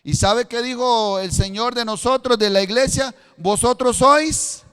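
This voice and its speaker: A man's voice: extremely high pitch, steady tone, moderate pace, fairly bright tone, smooth, in a large hall. A male pastor with a Costa Rican accent preaching a sermon, building to fervent emphasis and using a matchstick as a demonstration. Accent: Costa Rican Spanish. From Costa Rica.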